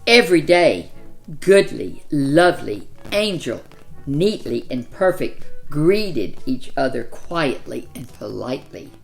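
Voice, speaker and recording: Lady reading a kids book, slow n super animated, kinda low voice, dramatic pauses. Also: vocal fry, faint music behind, poor audio. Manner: deliberate, dramatic phrasing. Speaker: children's storyteller. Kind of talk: expressive picture-book read-aloud.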